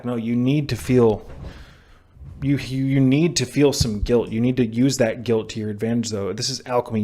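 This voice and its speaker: Lecturing viewers on addiction in a direct-to-camera self-help talk, a young vlogger focused on sobriety speaks into his camera mic with a medium-pitched, darkish voice. He is blunt and preachy, stumbling into restarts and dropping the occasional curse as he pushes his point.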